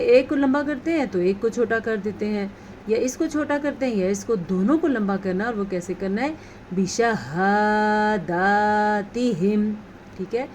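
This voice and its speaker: A woman teaching a tajweed lesson, explaining rules patiently and reciting words slowly. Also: on the high side, warm tone, a little hiss or hum.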